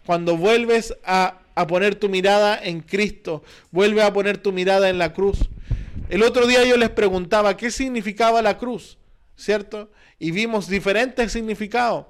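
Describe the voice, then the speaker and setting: A man's voice: sits high, smooth. A man with a Chilean Spanish accent preaching a sermon as pastor, earnest and repetitive, with many rhetorical questions.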